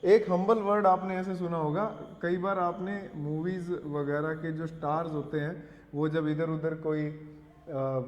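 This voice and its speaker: High-voiced Hindi-speaking English teacher, echoey room. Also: male voice, darkish tone. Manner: spells out English words slowly for dictation and corrects pronunciation. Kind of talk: classroom lesson explaining vocabulary in Hindi. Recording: echoey room, dull lo-fi sound.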